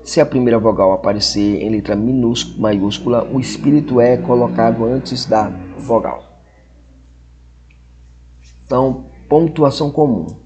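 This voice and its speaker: A man with a Brazilian Portuguese accent teaching a recorded lesson, slowly repeating example words and checking in with frequent tag questions. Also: medium pitch, darkish tone. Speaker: Greek language teacher. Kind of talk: recorded classroom lecture.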